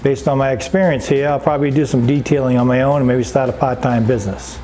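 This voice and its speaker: An older man from New Hampshire talks quickly and matter-of-factly as he gives a testimonial. His voice is dark and mellow, and faint music sits under his words. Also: medium pitch, steady tone. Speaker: detailing student. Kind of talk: testimonial interview.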